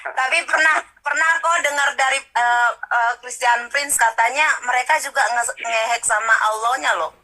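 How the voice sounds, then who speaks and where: A man on a video call who teases and jeers from the side of a heated debate. His voice is very high and very bright. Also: fairly even intonation, normal speed, rough recording. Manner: teasing and jeering. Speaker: debate participant.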